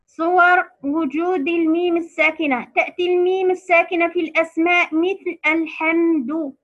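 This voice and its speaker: A woman teaching a lesson on recitation rules to other women, patiently repeating key terms slowly. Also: very high voice, fairly even intonation, a bit bright, dull audio.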